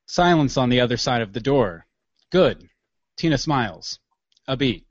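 A man's voice: mid-range voice, animated, measured pace, no room sound, dull audio. A man narrating scene directions in a matter-of-fact way for an audio drama.

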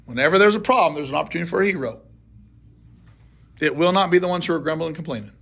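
A man's voice: a little high, lively intonation, very fast, creaky, fairly bright tone, breathy edge. A man, a pastor, leading a casual Bible study and firing questions at his group in a conversational way. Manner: conversational, asks and answers his own questions. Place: church classroom.

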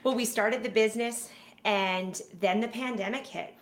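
A woman's voice: fairly high pitch, fairly even intonation, moderate pace. A woman hosting a podcast, telling a candid story in an earnest, conversational way. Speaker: podcast host. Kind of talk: casual conversation. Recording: echoey room with faint hiss.

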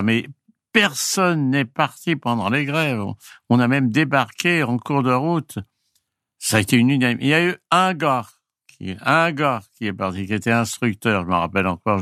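A man's voice: medium pitch, a bit bright, no room sound, studio quality. An older man, a retired flight crew member, casually telling anecdotes in a rambling way, often chuckling and restarting his sentences.

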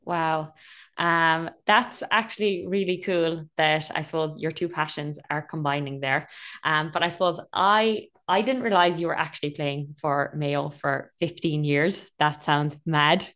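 An Irish woman hosts a podcast interview. Her voice sits a little low, and she talks in a conversational way with an Irish accent. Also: measured pace, a bit bright. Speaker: podcast host.

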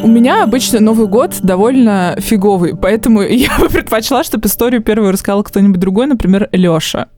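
A woman's voice: mid-range voice, brisk, hardly any pauses, darkish tone, faint music behind. A woman in her twenties co-hosting a podcast, chatting casually with a playful, ironic edge. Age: 20s. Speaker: podcast co-host.

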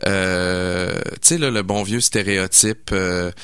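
Deep-voiced and slow, with fairly even intonation and a smooth, fairly bright tone, a Quebec City man in his forties talks as a guest mixologist. His Québécois French accent colors an enthusiastic, filler-heavy chat in a casual radio interview. The studio microphone picks up no room sound.

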